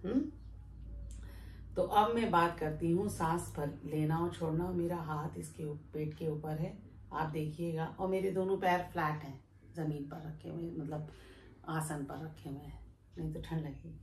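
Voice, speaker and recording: Woman yoga teacher walking thru breathing steps, lowish voice, echoey room, bit of hiss. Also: measured pace. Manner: calm, explains step by step while demonstrating. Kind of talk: breathing demonstration lesson. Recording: echoey room with faint background noise.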